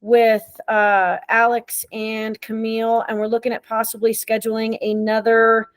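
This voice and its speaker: A woman running an online meeting in a casual, friendly way, pausing often with ums, heard over a video call. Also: a little high, no echo. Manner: friendly, relaxed, with frequent ums. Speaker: meeting facilitator.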